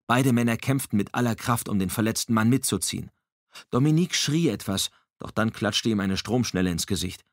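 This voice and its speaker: A man reading an audiobook in a measured, dramatic storytelling manner on a close microphone. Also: fairly low pitch, no echo. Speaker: audiobook narrator. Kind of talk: scripted audiobook narration.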